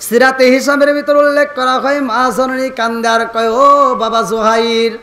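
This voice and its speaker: Male preacher, bright, piercing, sung sermon style, weeping delivery. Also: very high-pitched, flat delivery, a little fast, echoey room. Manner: chanting, weeping storytelling, shouting rises, asks crowd to respond. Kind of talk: sung Bengali waz sermon.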